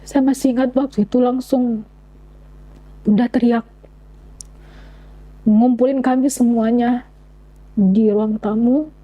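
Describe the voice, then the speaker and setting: Earnest young woman, warm low tone. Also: fairly even intonation, rough recording. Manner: earnest, halting retelling with frequent restarts. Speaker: interview guest. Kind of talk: personal testimony in an interview.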